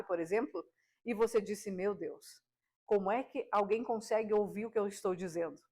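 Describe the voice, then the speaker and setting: A woman, a radio broadcaster, giving an expressive speaking lesson to the viewer with many rhetorical questions. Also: medium pitch. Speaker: radio broadcaster and communication teacher. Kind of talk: direct-to-camera speaking lesson.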